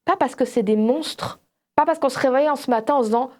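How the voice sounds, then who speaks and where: Quick-paced and high-voiced, a woman panelist on a religious discussion show explains Bible topics casually. She's an animated storyteller who acts out examples and imagined quotes.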